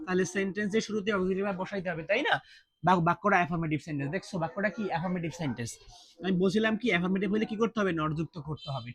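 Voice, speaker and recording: A male teacher runs a spoken grammar lesson at a quick clip, his voice sitting high. He keeps quizzing his listeners with repeated questions and calls them brother in a casual, colloquial way. The sound is dry and close, with no room around it. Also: fairly bright tone, no echo. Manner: drills with repeated quiz questions to students. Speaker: English teacher.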